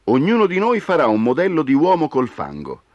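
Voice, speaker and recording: A man's voice: a little high, wildly swooping pitch, a little fast, a little mellow, no room sound, lo-fi sound, voice pushed up. A man voicing a smug, patient trickster coyote.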